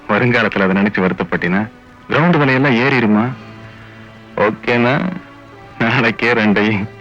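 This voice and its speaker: An actor playing a smooth-talking, scheming male villain who speaks in a condescending way. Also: fairly low pitch, a bit bright, close to an everyday voice. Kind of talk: film dialogue. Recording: dull film soundtrack with music.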